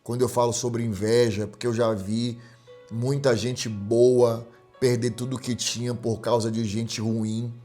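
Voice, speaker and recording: A man's voice: mid-range voice, little pitch movement, measured pace, warm tone, faint music behind. A middle-aged man preaching as a pastor, telling a story with emphatic repetition. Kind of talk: sermon with storytelling.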